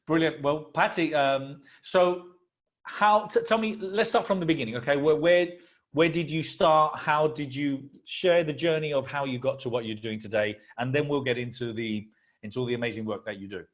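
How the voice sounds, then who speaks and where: A man's voice: on the high side, moderate pace. A man from Spain, hosting a stage interview in an effusive, eager way. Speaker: host and founder. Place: convention expo venue.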